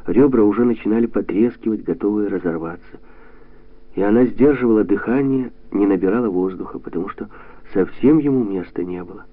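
Male narrator, literary audiobook, low gravelly voice, tinny radio sound. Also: dry recording.

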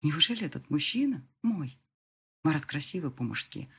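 A woman narrating a first-person audiobook in an expressive, animated way. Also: sits low, normal speed, vocal fry, husky.

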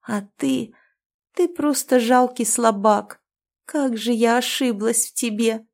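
A woman's voice: mid-range voice, fairly even intonation, normal speed, warm tone, lightly acted. Tearful young ghost girl, as a woman puts her on. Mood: bitter reproach. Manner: sobbing, reproachful.

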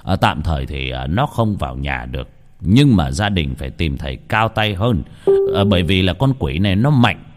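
Weary old male exorcist in a horror tale, low voice, slow halting delivery — a man puts him on. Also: big pitch swings, soft background music. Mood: solemn. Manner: low, halting speech full of pauses. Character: elderly male ritual master, weary and solemn.

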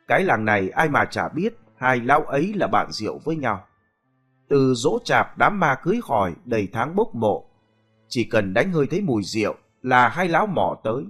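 A man narrating a story in a scripted, expressive storytelling voice. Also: mid-range voice.

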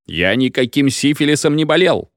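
A man's voice: medium pitch, expressive, moderate pace, no echo, clean studio sound, voice pushed up, close to an everyday voice. A man doing an indignant village meeting chairman. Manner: indignant, exclaiming.

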